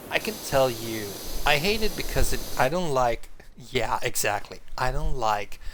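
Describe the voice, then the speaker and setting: A man from Italy chatting casually on a live stream, rambling with frequent restarts as he talks with viewers. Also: mid-range voice. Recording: steady hiss on the line.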